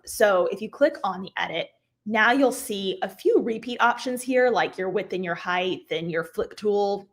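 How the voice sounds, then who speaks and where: A woman with a voice she says she is losing, clearing her throat now and then as she casually walks viewers through software changes step by step, with lots of fillers. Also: medium pitch. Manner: chatty, filler-heavy, explains step by step. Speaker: craft software instructor, livestream host. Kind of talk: casual live software tutorial.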